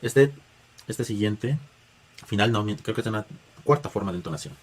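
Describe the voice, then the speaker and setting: A man's voice: on the low side, expressive, moderate pace. A man gives a patient spoken music lesson, guiding students through chant tones with filler words and restarts. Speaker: music teacher.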